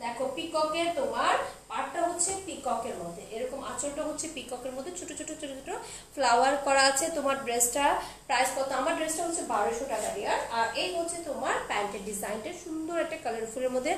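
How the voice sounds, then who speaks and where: Young Bangladeshi woman, high voice, gentle slow delivery, live-stream seller; roomy phone sound, faint hiss. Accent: Bangladeshi Bengali. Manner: speaks slowly and softly, reading out viewers' comments. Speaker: online clothing seller hosting a live sale. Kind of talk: casual live-stream sales talk. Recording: roomy echo with faint background noise.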